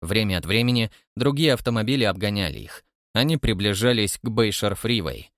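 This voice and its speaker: A man reading an audiobook narration in an even, measured way. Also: fairly low pitch, no echo, clean studio sound. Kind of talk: scripted narration.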